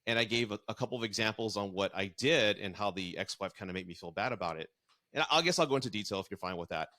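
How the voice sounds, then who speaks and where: A man's voice: lowish voice, fast talker, sharp tone. A middle-aged man, a dating and divorce coach, talking casually and earnestly as he tells stories from his own marriage. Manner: earnest, storytelling with acted-out quotes. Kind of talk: casual podcast conversation.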